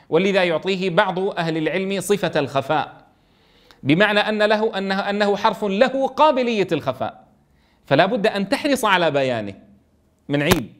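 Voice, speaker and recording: Male tajweed teacher, raised pitch, patient, demonstrates slowly and checks in often. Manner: keeps checking understanding, slowly draws out sounds to demonstrate. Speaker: Quran recitation teacher. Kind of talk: explaining a tajweed text in class.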